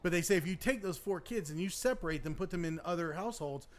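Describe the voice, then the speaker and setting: A man's voice: sits high, expressive, fast talker. A man co-hosting a casual green room chat, telling a personal story and chiming in eagerly. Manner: chatty, eager backchannelling. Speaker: co-host. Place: comedy club green room.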